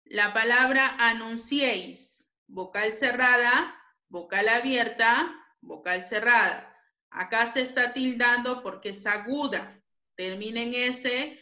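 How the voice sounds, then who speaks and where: A woman teacher with a bright, fairly high voice walks pupils through a grammar lesson. She speaks slowly and repeats key points with patience. The room around her echoes.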